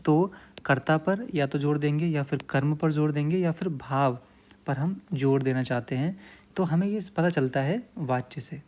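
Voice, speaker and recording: A man's voice: a little high, normal speed, darkish tone, a little hiss or hum. A man teaching a grammar lesson, explaining patiently with lots of repetition and frequent check-ins with his students.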